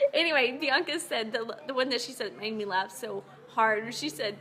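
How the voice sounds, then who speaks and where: A woman's voice: on the high side, normal speed, pushed and bright. A woman chatting in a casual video diary at home, just woken up, upbeat and laughing often. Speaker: vlogger.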